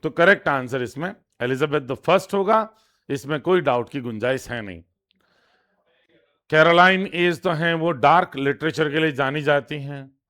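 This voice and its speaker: A man teaching an exam-prep lesson, reading each question out slowly and then explaining it step by step with frequent repetition. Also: a little high, fairly bright tone. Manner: reads English questions slowly, then translates. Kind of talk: exam lesson in Hindi with English terms.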